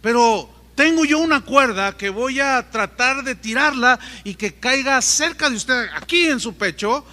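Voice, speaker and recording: A calm, kindly rescuer riding a donkey, reassuring a fallen man, as a preacher puts him on. The voice sits high and bright. It carries a long hall reverb. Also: measured pace, full character voice.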